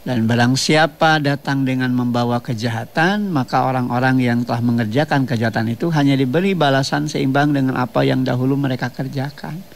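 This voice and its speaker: Male radio preacher, gravelly mid-range voice, steady teaching delivery. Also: mid-range voice. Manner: measured, explanatory, repeats phrases with tag questions. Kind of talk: radio sermon. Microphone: radio studio microphone.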